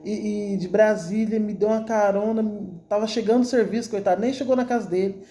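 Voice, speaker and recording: Addressing her congregation, a woman shares a heartfelt religious testimony in a Brazilian Portuguese accent, frequently repeating words as she goes. She speaks fairly quickly in a mid-range, mellow voice with fairly even intonation.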